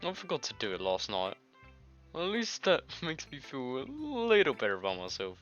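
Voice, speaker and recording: A man with a nasty cold plays through a visual novel, reading the dialogue aloud and adding his own jokey, giggly asides while he coughs. His voice sits at medium pitch, swooping wildly up and down at a moderate pace with a fairly bright tone. Game music plays behind him on a dull lo-fi mic.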